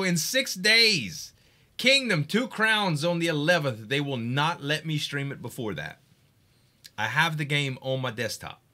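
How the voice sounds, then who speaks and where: A man with a mid-range voice chats casually on a live game stream. He's excitable, swears, hypes up games, and laughs a lot.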